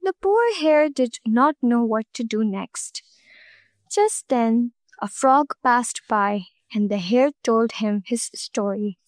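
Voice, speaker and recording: A woman storyteller reading a folk tale aloud in a slow, clear, gentle way. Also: a little high, expressive, no echo.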